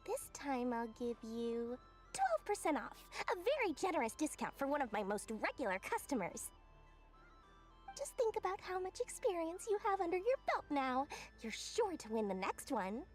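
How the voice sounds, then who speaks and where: An actress playing a money-loving festival merchant who serves customers with theatrical sales patter in a video game. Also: female voice, high voice, very animated, moderate pace. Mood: coaxing, sly. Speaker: stall merchant serving customers like a sales clerk. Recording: background music.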